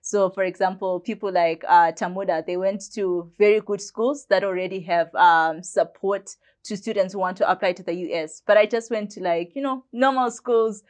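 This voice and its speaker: A roughly twenty-year-old biomedicine student from Zimbabwe chats as an interview guest, telling her story casually with lots of "like" fillers. Her medium-pitched voice has a darkish tone and runs at normal speed with hardly any pauses.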